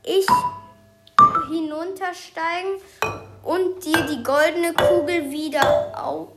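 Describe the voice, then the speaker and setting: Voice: extremely high pitch, steady tone, heavily acted. Ein Kind liest langsam einen sprechenden Frosch aus einem Märchen vor, über lauter Musik. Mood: bargaining. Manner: slow, careful reading. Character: pleading talking frog from a well. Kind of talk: reading a fairy tale aloud. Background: loud music.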